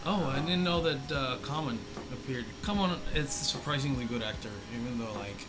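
A man's voice: medium pitch, animated, fairly quick, rough recording. A man chatting casually about film and TV as a podcast co-host, loose, slangy and rambling, with some swearing. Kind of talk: casual film and TV chat with profanity. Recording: loud music behind the talk. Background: loud music.

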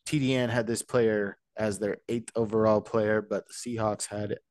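A man hosting a casual sports podcast, talking in an animated, joking way with rambling asides. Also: on the low side, moderate pace, no room sound. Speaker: podcast host.

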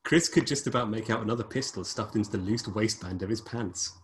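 A man's voice: a little fast, a crowd in the background. A man hosting a podcast, reading a book aloud in a comic style and often breaking into laughter. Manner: laughs often, swings pitch widely.

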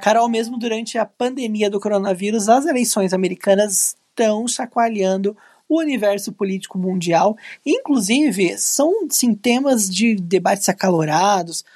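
A Brazilian woman co-hosting a talk show with a husky, slightly breathy voice at a mid pitch. She presents news items conversationally and drops in quick asides. The recording is dry and close. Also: darkish tone, no echo. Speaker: co-host. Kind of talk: casual news commentary.

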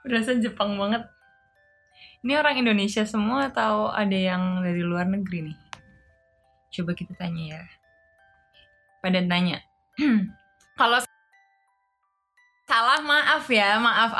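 A woman's voice: medium pitch, a little slow, long pauses, sharp tone, faint music behind. Playful woman chatting on a live stream. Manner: playful, laughs often, reads viewer comments aloud; tries out simple Japanese phrases. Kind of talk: casual live stream chat.

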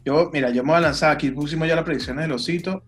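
A man's voice: a little high, very fast, faint music behind. A man hosting a casual chat among friends and repeating their picks back in a drawl. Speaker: host.

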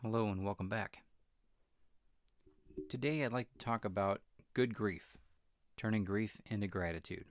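A middle-aged man hosting a solo podcast, talking reflectively, pausing often with fillers and restarts. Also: lowish voice. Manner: halting, with many fillers and restarts. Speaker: podcast host.

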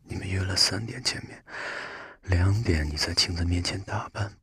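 A man voicing a gentle, advice-giving little hedgehog in a breathy whisper. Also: sits low, normal speed, dry recording, studio quality, exaggerated voice. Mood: tender. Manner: soothing, advising.

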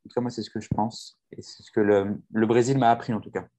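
Earnest, hesitant French-speaking man, lowish voice. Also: level tone, fast, warm tone. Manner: hesitant, many restarts and fillers; earnest, reflective. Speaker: language teacher. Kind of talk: casual conversation.

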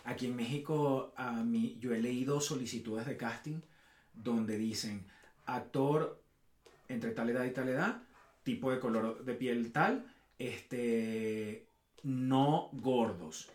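A man co-hosting a podcast in a relaxed, slangy way. His pitch is mid-range, and the room has an echo. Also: slow. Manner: relaxed, slangy, mimics voices. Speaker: podcast co-host. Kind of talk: casual chat. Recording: echoey room.

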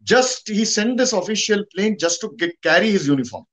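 A man with an Indian accent talking conversationally about history and politics as a guest, pausing and repeating himself for emphasis. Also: sits high, animated, fairly bright tone. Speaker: guest commentator.

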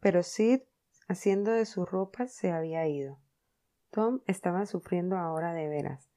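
A woman narrating a classic novel as an audiobook, measured and expressive. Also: fairly low pitch. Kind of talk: storybook reading.

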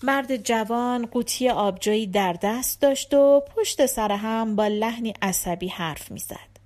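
A woman reading a short story aloud in a calm, measured narrating voice. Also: on the high side. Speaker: audiobook narrator. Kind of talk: scripted narration.

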